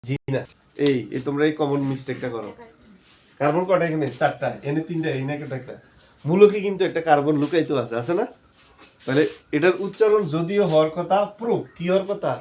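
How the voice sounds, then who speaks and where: A man's voice: a little high, quick pace, a little mellow. A male chemistry teacher, giving a classroom lesson. He keeps asking his students questions and then answers them himself.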